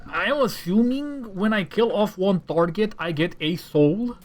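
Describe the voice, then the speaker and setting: Showing a mod on his gaming channel, this Romanian host talks through the gameplay casually in a high voice, a little slowly. Romanian is his first language, and his thinking-aloud commentary breaks into exasperated rants.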